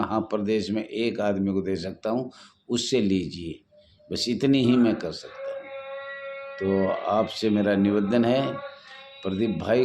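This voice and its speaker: A man's voice: fairly low pitch, background noise. Earnest man pleading with supporters. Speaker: home guard association leader. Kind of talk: addressing supporters in a live online talk. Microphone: phone.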